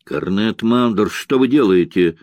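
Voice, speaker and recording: Man reading as an outraged young officer, raised voice, breathless, slow, dry close reading. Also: lowish voice, dry recording. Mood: stern. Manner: indignant, shouting, breathless. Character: indignant honourable young male officer.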